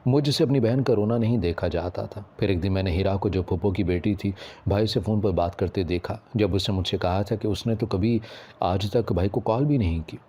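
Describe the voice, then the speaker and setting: Brief: male narrator for a spoken moral story, with a low pitch and a dark, mellow tone. His reading is measured and even. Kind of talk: scripted narration of a first-person moral story.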